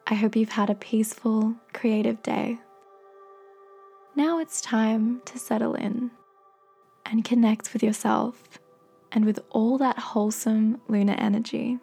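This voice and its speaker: A woman with a soft, breathy voice gently and slowly guiding a meditation in soothing, encouraging scripted narration. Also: on the high side. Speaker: guided meditation host.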